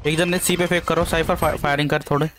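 A man's voice: on the high side, level tone, quick pace, music in the background. A man streaming a shooter game, giving bossy callouts and swearing at teammates in casual chat. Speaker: live-streaming gamer.

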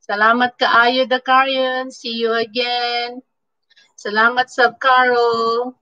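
A woman with a Filipino accent chatting casually with live viewers, mixing languages, thanking people by name and pausing on fillers. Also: on the high side, little pitch movement, bright, forceful tone, highs cut off. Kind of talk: casual live-stream chat. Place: indoors at home in Canada.

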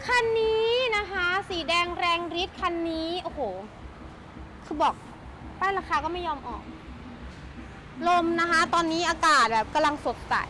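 A woman with a strikingly high voice hosts a chatty sales walkaround, gushing with enthusiasm over what is on offer. The recording is noisy and handheld, with vehicle sounds behind her. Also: unhurried, long pauses. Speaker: motorbike shop sales host and presenter.

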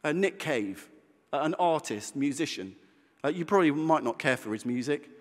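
A man preaching a sermon in a conversational, animated way, with self-deprecating humor. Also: fairly high pitch, normal speed. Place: church. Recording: church hall reverb.

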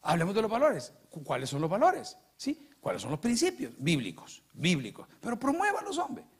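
A middle-aged Salvadoran pastor preaching in church, his fairly high, husky voice leaping up and down as he acts out anecdotes. He speaks with a Salvadoran accent and a playful, storytelling manner. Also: moderate pace. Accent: Salvadoran Spanish. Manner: animated storytelling, acting out dialogue, jokes. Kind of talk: lively sermon with anecdotes. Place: church sanctuary.

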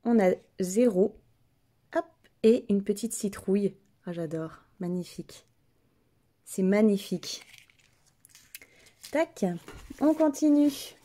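A woman's voice: mid-range voice, expressive, takes it slowly, pauses often, warm tone. A woman in her thirties chatting casually through an unboxing video, full of enthusiasm and hesitant fillers. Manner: enthusiastic, many fillers and restarts. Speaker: vlogger.

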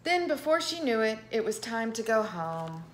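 A middle-aged woman reading a picture book aloud to children with expressive, dramatic emphasis. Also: fairly high pitch, normal speed, a little hiss or hum. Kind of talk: animated children's storybook read-aloud. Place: indoor living room with piano.

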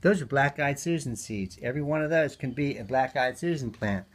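A man's voice: mid-range voice, animated, brisk. A man giving a casual, hands-on gardening demonstration, talking in a chatty, folksy way with lots of ums and uhs. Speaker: gardening teacher.

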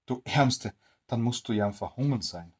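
Jolly, crafty tramp, friendly and coaxing, slightly husky tone, read by a storyteller, a bedtime storybook role. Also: mid-range voice, expressive, normal speed. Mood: sly. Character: cheerful cunning male tramp.

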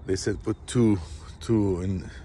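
A man walking a construction site and explaining the work in plain, halting, repetitive phrases, recorded on a handheld phone outdoors. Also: fairly low pitch, steady tone, mellow, a little hiss or hum. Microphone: phone camera held by the speaker.

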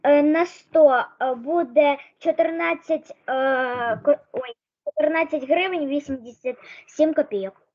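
A woman's voice: high-pitched, a little slow, darkish tone, muffled recording. A female pupil answering in an online class, hesitant and searching for her words.

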